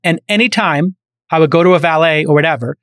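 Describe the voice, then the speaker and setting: A man's voice: fairly high pitch, a bit bright, no room sound. Joking man in his fifties, dry sound. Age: 50s. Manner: boastful storytelling, quick and joking. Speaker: podcast host. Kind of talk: casual chat.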